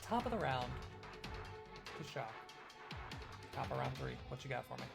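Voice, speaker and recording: A man running a tabletop game as game master, giving brisk, matter-of-fact rulings. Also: mid-range voice, big pitch swings, creaky. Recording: music playing behind. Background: background music.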